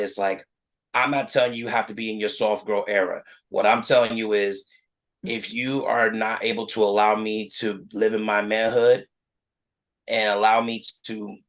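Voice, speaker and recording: A man with a somewhat low voice, speaking in casual podcast chat. He explains his point earnestly, stopping and restarting phrases as he searches for words. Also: fairly bright tone. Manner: earnest, halting, restarts often while explaining. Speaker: podcast co-host.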